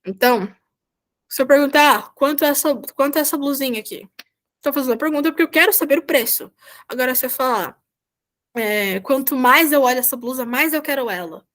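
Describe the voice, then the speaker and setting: Brazilian woman, volunteer teacher on a video call, fairly high voice, patient and repetitive, checks in often. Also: a little fast, fairly bright tone. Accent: Brazilian Portuguese. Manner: patient, repeats "tá?" to check understanding. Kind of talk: online class explanation.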